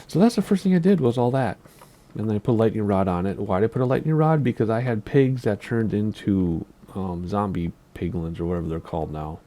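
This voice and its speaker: A man's voice: on the low side, expressive, brisk, dark tone. A man with a Minnesota accent giving casual gameplay commentary on a building tour, rambling along and asking himself questions aloud. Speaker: Minecraft YouTuber giving a base tour.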